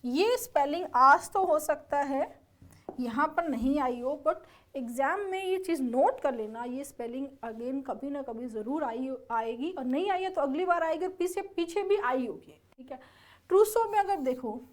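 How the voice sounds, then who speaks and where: An English teacher preparing students for an exam speaks in a high, expressive voice at a moderate pace. She walks through words step by step, spelling them out letter by letter and frequently checking that her students are keeping up.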